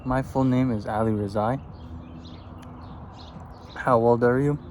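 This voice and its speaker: A vlogger from Afghanistan, in his twenties, takes it slowly as he chats over food outdoors, answering get-to-know-me questions in a loose, easygoing, rambling way. His voice is medium-pitched with fairly even intonation. Birds and background noise are audible.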